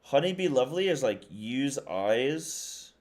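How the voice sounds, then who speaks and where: With a darkish, sing-song medium-pitched voice, a man who streams and casts esports takes his time chatting with viewers live. The talk is unhurried, rambling, slangy, and full of repeated phrases.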